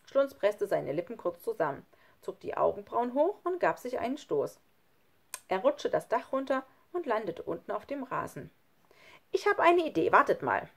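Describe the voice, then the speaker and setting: Eine Frau, die ein Kinderhörbuch ausdrucksvoll vorliest. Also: female voice, medium pitch, normal speed, creaky. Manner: expressive storytelling. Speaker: audiobook reader. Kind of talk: children's audiobook narration.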